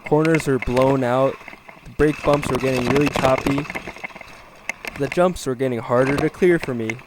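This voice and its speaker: Young man, deadpan jokes, vlog voice-over, noisy recording. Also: medium pitch, moderate pace. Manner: deadpan jokey storytelling. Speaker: mountain bike vlogger. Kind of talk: comedic voice-over narration.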